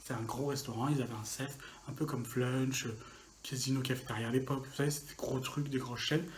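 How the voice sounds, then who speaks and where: A man casually telling a personal story for his channel, lively and full of slang and fillers. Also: medium pitch, fairly quick, slight background noise. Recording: echoey room with faint ambience.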